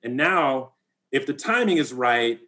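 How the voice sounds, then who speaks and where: Man, middle-aged, baseball coach, casual chat, quick and animated, mid-pitched voice. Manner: animated, talks fast, laughs often. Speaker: high school baseball coach.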